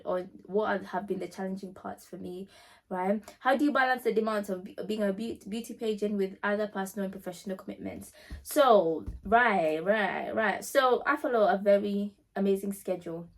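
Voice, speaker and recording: A woman's voice: mid-range voice, moderate pace. A woman hosting a casual question-and-answer vlog, speaking directly to her viewers in an emphatic way and repeating phrases for stress. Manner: conversational, addresses listeners directly. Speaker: pageant winner and vlog host answering questions. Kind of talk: casual chatty Q&A talk to viewers.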